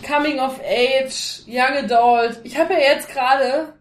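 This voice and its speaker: A woman co-hosting a casual podcast chat over drinks, animated and blunt, and she laughs easily. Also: high-pitched, takes it slowly, echoey room. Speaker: podcast co-host.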